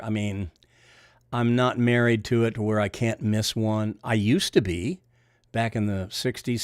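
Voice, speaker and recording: Older man with a deep, nasal Missouri voice. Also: no room sound, studio quality. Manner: folksy, rambling, reads comments aloud and answers them. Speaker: bowling coach and livestream host. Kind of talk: casual livestream chat reading viewer comments.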